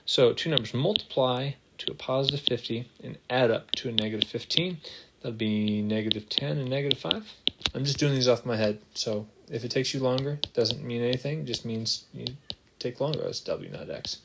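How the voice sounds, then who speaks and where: A man who is a math teacher, talking through examples while writing on screen, upbeat and joking at his own slips. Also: medium pitch. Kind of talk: screen-capture math lesson. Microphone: desktop microphone. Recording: noisy desktop recording with ticking.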